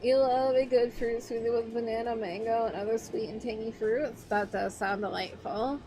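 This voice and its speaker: A young woman streaming as a VTuber, rambling playfully and chasing excited little tangents in casual chat. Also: fairly high pitch, moderate pace.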